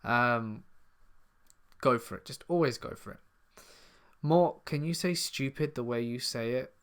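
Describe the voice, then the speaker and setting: A horror story channel host from the south of England, with a southern English accent, runs a live stream Q&A, casually reading viewer comments aloud before answering them in a chatty way. His medium-pitched voice is unhurried, clean and a bit bright.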